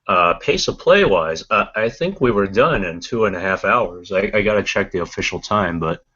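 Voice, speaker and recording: A man's voice: low-pitched, lively intonation, normal speed, sharp tone, breathy edge. A man co-hosting a podcast in casual chat, rambling with many restarts and fillers. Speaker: podcast co-host. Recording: dull lo-fi podcast audio.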